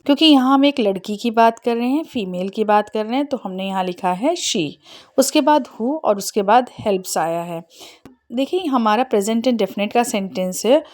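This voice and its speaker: A woman's voice: a little high, animated. Patient Indian woman teaching English. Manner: patient, explains step by step and repeats examples slowly. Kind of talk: spoken language lesson.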